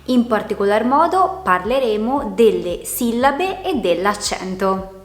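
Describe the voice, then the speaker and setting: A woman's voice: a little high, sing-song, measured pace, reverberant. A woman teaching a lesson, explaining step by step and sounding out words one syllable at a time. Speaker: Italian teacher. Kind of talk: slow, clear explanatory lesson.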